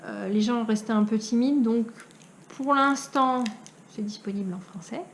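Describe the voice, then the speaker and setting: A woman's voice: on the high side, moderate pace, a little hiss or hum. A young Frenchwoman from France chatting casually as a knitting vlogger, with many hesitations and frequent laughs. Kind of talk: casual chat.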